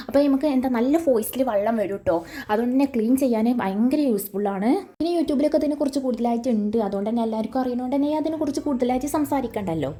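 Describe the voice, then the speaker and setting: A woman's voice: on the high side, mellow. A woman vlogger giving a casual voice-over that explains each chore step by step.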